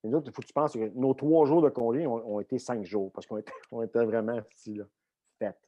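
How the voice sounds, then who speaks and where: A middle-aged man with a Québécois French accent, telling a lively anecdote in a podcast interview, full of fillers and swearing. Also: medium pitch, a little fast, no room sound. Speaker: guest coach and former Olympian. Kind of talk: casual storytelling in a podcast interview.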